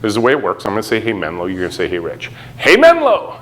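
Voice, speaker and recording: A middle-aged man giving a conference keynote talk, telling stories in an animated way and acting out quotes with sudden jumps in pitch. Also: very fast. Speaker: keynote speaker. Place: conference hall.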